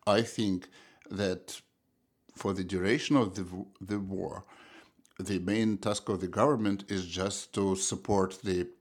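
Being interviewed as an economist, this middle-aged man from Russia talks in a low-pitched, fairly even voice with a Russian accent. His answers are considered but hesitant, with frequent restarts.

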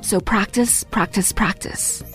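Patient woman teacher narrating a lesson in a mid-pitched voice over faint music. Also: steady tone, measured pace, fairly bright tone. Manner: patient, explains step by step. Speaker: English teacher. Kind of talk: scripted bilingual narration.

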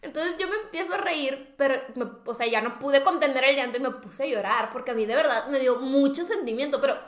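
Young mexican girl chatting, high voice, roomy echo, acts stuff out. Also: a little fast. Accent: Mexican Spanish. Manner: animated, acts out reactions. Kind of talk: casual storytelling chat. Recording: echoey room.

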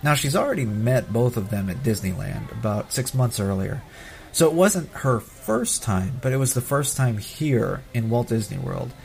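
A man's voice: medium pitch, animated, moderate pace, creaky, darkish tone, faint music behind. A middle-aged man telling personal stories as an audio host, in a casual, sentimental way. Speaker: podcast host narrating family trip memories.

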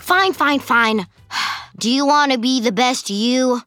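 A woman's voice: high voice, slow, a bit bright, a little hiss or hum. A woman voicing a sarcastic, easily exasperated preteen girl who hosts a podcast in a cartoon. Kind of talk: cartoon voice acting.

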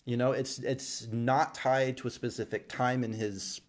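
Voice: mid-range voice, steady tone, unhurried. A podcast co-host chatting casually in an easygoing way, thinking aloud as they go. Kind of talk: casual chat.

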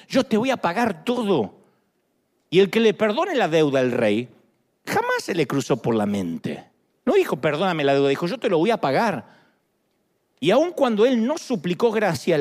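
A man preaching to his congregation. His voice sits high and swoops up and down all the time. He tells the story with jokes and an animated, playful delivery. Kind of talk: sermon.

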